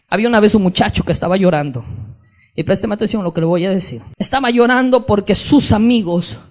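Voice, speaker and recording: A man preaching a sermon with passion, often raising his voice to a shout. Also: high-pitched.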